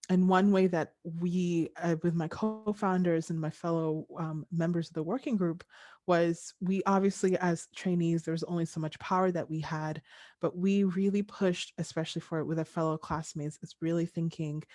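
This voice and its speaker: A woman's voice: fairly low pitch, steady tone, moderate pace, a little mellow, no echo, clean studio sound. A young woman from Tanzania speaking on a video call in a thoughtful, earnest way, with frequent fillers as she reflects in a panel discussion.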